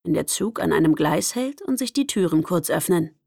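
A young woman narrating a first-person audiobook in a lively, expressive way. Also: on the low side, moderate pace, vocal fry, no room sound, clean studio sound.

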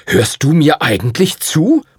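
A man's voice: sing-song, measured pace, breathy edge, no echo, clean studio sound, heavily acted. A man voicing an older male prince who is impatient and pompous, lecturing in a stern tone. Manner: stern, lecturing, booming laugh.

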